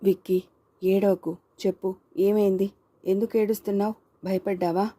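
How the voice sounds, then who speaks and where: A woman voicing a male public prosecutor who questions a child witness in brisk, coaxing tones. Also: medium pitch, fairly even intonation, mellow, no room sound, close to an everyday voice.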